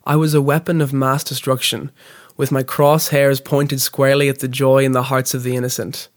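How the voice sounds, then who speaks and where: A man, a podcast host, reading scripted comic narration in a deadpan, mock-grandiose way. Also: medium pitch, moderate pace.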